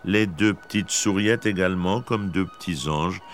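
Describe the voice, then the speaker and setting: A man giving measured, expressive scripted narration of a classic story. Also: low voice.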